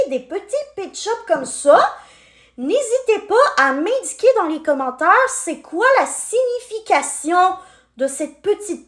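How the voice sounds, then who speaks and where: A woman's voice: extremely high pitch, reverberant. A woman in her twenties chatting to her viewers while unboxing toys, friendly and talkative. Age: 20s. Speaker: unboxing vlogger.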